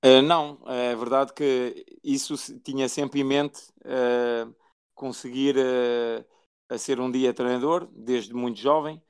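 A basketball assistant coach in his forties, born in Portugal and raised in France, appears as a guest answering interview questions. He speaks haltingly with many fillers, in a smooth, steady, medium-pitched voice.

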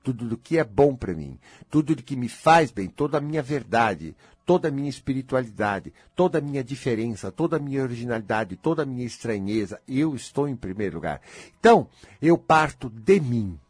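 A man's voice: mid-range voice, sing-song, fairly quick, a little mellow, husky, dry recording. A Brazilian man lecturing an audience on spirituality, emphatic and repetitive, driving his points home. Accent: Brazilian Portuguese.

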